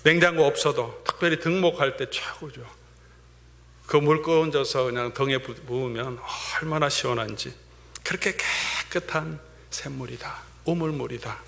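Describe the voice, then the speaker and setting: A male pastor preaching a sermon, swinging between fervent emphasis and hushed whispers. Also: medium pitch, normal speed, gravelly. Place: church sanctuary. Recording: long church-hall reverb.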